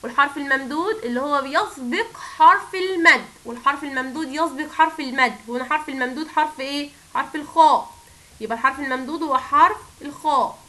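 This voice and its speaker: Woman, Egyptian Arabic accent, children's teacher, high voice, bright tone, slow drawn-out syllables. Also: poor audio. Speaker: first-grade Arabic teacher. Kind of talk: recorded classroom lesson for young children.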